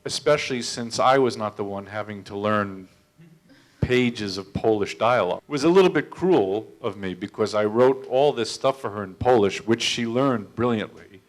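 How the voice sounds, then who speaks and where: A man's voice: on the low side, moderate pace. A man who is a film director tells anecdotes at a public Q&A, self-deprecating and often stammering into restarts. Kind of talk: storytelling talk at a public Q&A.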